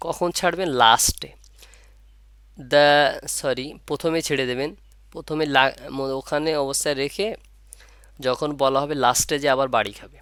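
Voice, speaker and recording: A man teaching Arabic letter pronunciation, repeating sounds slowly and asking and answering his own questions. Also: mid-range voice, fairly bright tone, clean tone, no room sound, studio quality. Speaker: Quran reading teacher. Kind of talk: step-by-step pronunciation lesson.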